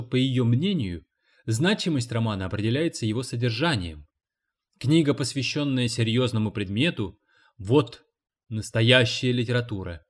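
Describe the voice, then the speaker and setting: Man reading a novel aloud, mid-pitched. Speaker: audiobook narrator. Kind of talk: scripted narration.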